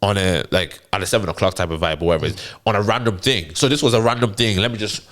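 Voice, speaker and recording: A man chatting casually as a podcast guest, animated and often restarting his sentences. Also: fairly low pitch, quick pace.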